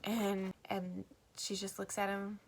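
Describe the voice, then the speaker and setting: A woman chatting casually through a film recap in a valley girl manner, with vocal fry and lots of "like" and acted-out quotes. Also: medium pitch, flat delivery, slow pace, a little hiss or hum. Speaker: movie reviewer retelling a film.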